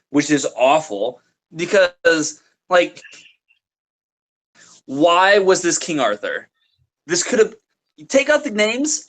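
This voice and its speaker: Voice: mid-range voice, a bit bright. A blunt, profane co-host in a casual movie review chat.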